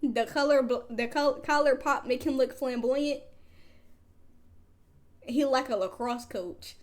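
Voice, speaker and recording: High-voiced woman giving blunt reaction commentary. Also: measured pace. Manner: blunt, mocking. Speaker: streamer reacting to a show.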